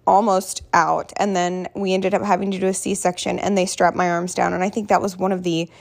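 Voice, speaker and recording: A woman with a hoarse voice telling a personal story casually, in a candid, rambling, self-deprecating way. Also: on the low side, little pitch movement, fairly quick, a little mellow. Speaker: vlogger.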